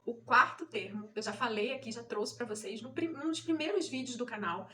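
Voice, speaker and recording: A woman's voice: a little high, a little fast, sharp tone. A woman from Brazil, a mother and channel host, explaining terms to parents in a patient teaching manner, often checking in with listeners. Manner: didactic, repeats key points, checks in with "né?" and "tá?".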